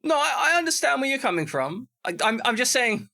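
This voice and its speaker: A man's voice: very high-pitched, big pitch swings, brisk, vocal fry, sharp tone. A man narrating as game master of a tabletop game, chatty and full of asides. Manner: explains at length, chatty with many asides.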